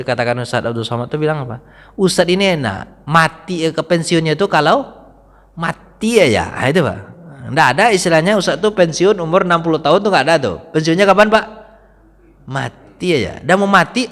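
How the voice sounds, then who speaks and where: A man gives a study-circle sermon in a mosque and speaks in a fairly high voice. He talks with the congregation and puts questions to them, and he slows down when he quotes the Prophet. His voice rings with the long reverb of the hall. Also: a bit bright. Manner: conversational, asks the congregation questions. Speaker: preacher.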